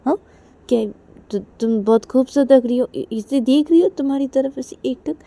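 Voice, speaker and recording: Woman voicing a playful young woman, insistent, pleading, high and loud, warm tone. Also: moderate pace, creaky. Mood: teasing, pleading. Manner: high-pitched, pleading, repetitive questioning.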